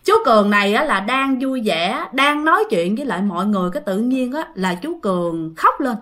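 A woman's voice: a little high, lively intonation, a little fast, sharp tone. A woman telling a ghost story in a chatty, casual way, speaking directly to her listeners.

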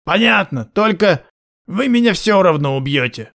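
A man voicing a broken, terrified male prison camp chief in an audiobook, defeated and shrill. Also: big pitch swings, normal speed, gravelly, fairly bright tone, dry recording, clean studio sound, full character voice. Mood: fearful. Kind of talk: audiobook narration.

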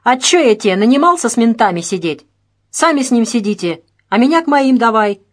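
A woman voicing a brash, contemptuous male petty criminal in an audiobook, loud and drawn-out. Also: on the high side, expressive, voice pushed up.

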